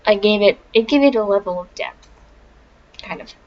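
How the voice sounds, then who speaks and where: A woman's voice: medium pitch, normal speed, darkish tone. A woman giving a casual, chatty book review, wry and full of asides and ums. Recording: dull lo-fi sound with faint noise.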